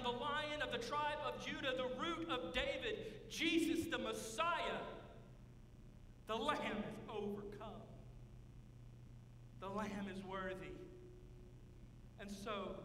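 A man in his thirties, a pastor preaching a sermon with emphatic, drawn-out phrasing in a large church sanctuary. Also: very high voice, pushed and bright, a little hiss or hum. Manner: emphatic preaching, drawn-out words, gestures while walking the stage. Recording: echoey hall from far off.

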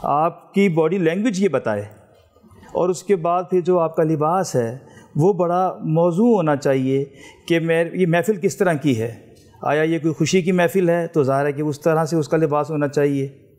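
A man judging a poetry recitation contest, giving a measured, explanatory critique. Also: a little high, darkish tone. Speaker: competition judge.

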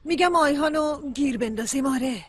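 Fussy nosy mother in middle age, high voice, always exasperated. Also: fairly bright tone, dry recording. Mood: fretting. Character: fretful middle-aged mother, nosy and bossy. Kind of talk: Persian dubbing of a TV series.

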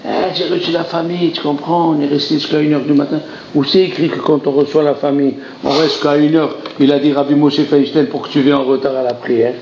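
A man giving a Torah lesson, animated and theatrical, acting out dialogues and crying out in exclamations. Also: fairly high pitch, a little fast, hardly any pauses, a little hiss or hum. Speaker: rabbi teaching a Torah class. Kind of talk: lively French Torah lesson. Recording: roomy lo-fi recording with faint ambience.

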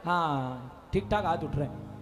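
A man, a bhajan singer leading a live devotional crowd, energetic and chatty as he coaxes people to call back and bursts into shouts on a stage mic. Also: a little high, unhurried. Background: devotional band music.

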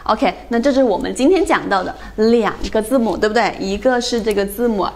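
女老师，略高的声音，教自然拼读. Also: female voice, a little high, a little mellow, a little hiss or hum. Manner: drills sounds slowly, asks "对不对" often. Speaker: English phonics teacher. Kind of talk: phonics lesson.

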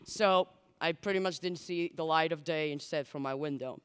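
A native Portuguese speaker in her twenties gives a candid, chatty conference talk, full of likes and asides, on a large dark stage before an audience. Her deep, clear, resonant voice moves at a moderate pace through a headset mic, with long hall reverb.

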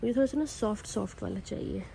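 A young woman talks through her shopping in a relaxed, chatty vlog, switching between Hindi and English. Her voice is mellow and warm. It is caught on a phone held at arm's length inside a big store, with faint noise behind her. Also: medium pitch, fast, gravelly, poor audio. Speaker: vlogger. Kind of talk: casual vlog chat. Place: large indoor store.

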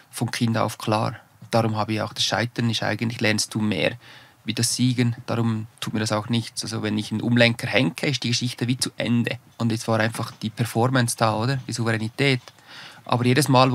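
A professional alpinist in his forties, appearing as a guest, speaks careful standard German with a Swiss German accent in a casual interview. His mid-range voice is gravelly, and he restarts sentences and uses tag questions.

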